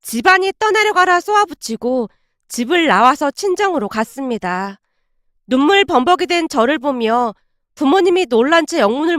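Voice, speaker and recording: A woman tells a dramatized first-person story with expressive, emotional delivery. Her voice sits high and moves widely in pitch. The recording is close and dry. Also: no room sound.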